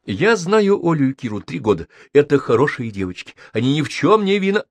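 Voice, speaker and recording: A man's voice: a little high, big pitch swings, fairly quick, dry recording, voice pushed up. A man reading a story aloud and voicing an anxious, indignant woman professor in a raised voice. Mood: pleading. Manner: anxious, pleading, then indignant shouting. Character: flustered middle-aged woman professor.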